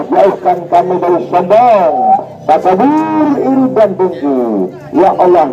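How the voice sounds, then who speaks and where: A man doing theatrical street show patter as a snake oil seller, commanding his onlookers with incantatory, repeated calls. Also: on the high side. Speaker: street medicine seller and showman. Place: outdoors at a roadside. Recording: dull lo-fi distant mic, loud background music.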